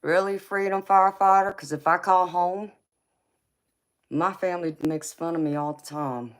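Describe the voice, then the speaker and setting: Chatting with her livestream audience, a tarot reader in her forties answers the live chat and addresses viewers as honey and baby. She has a faint Southern American twang and a fairly low voice at normal speed.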